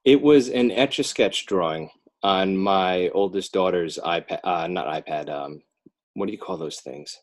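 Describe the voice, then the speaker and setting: In a relaxed podcast interview, a low-pitched American man from Northern New Jersey who writes children's books rambles a little. He keeps backtracking to fix what he said and builds his replies in fits and starts.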